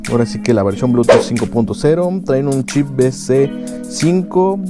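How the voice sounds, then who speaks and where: Loud music plays behind a man with a Mexican Spanish accent as he unboxes motorcycle gear for his moto vlog. His medium-pitched voice is animated and moves at a normal speed. He's chatty and casual, explaining things with plenty of slang and filler.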